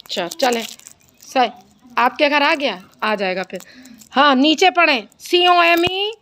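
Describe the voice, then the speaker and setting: A woman's voice: high voice, slow pace, bright, forceful tone, slight background noise. A woman teacher, patiently spelling out words for children in a reading lesson.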